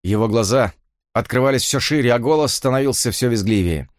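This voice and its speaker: A man's voice: mid-range voice, fairly quick, no room sound, clean studio sound. A man reading a first-person thriller aloud, narrating in a dramatic way. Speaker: audiobook narrator.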